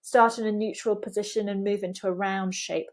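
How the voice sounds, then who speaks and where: A woman's voice: mid-range voice, fairly even intonation, fairly quick. A woman giving a pronunciation lesson, patiently explaining and repeating words with exaggerated mouth movement. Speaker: pronunciation coach.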